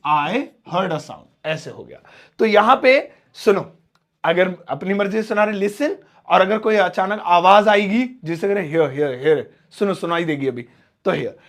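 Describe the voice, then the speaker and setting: A man's voice: sits high, animated, normal speed, fairly bright tone. A young man teaching simple English in an explanatory lesson, repeating key words and acting out everyday examples. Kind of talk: spoken English lesson in Hindi.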